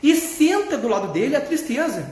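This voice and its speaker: A man's voice: extremely high pitch, big pitch swings, normal speed, darkish tone. A man with a Gaúcho Brazilian accent, a therapist talking candidly in a casual vlog, swearing freely and laughing as he talks. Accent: Gaúcho Brazilian Portuguese. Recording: echoey room.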